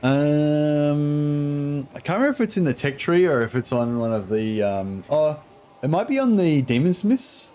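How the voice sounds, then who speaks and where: A man's voice: a little high, very animated, unhurried, dark tone. A man with a broad New Zealand accent giving casual gameplay commentary in a laid-back, sweary, rambling way. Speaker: gaming streamer.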